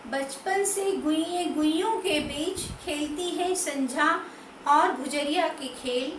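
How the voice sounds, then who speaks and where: A woman poet from Madhya Pradesh, India, reciting her poems in a slow, measured reading. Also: high-pitched. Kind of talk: poetry recitation. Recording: echoey room, distant mic, faint noise.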